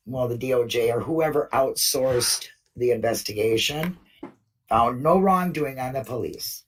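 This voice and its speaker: Husky woman telling a story off-mic. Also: deep voice, far from the mic, rough recording. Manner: indignant, retells events with lots of fillers. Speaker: open mic participant. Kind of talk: casual storytelling.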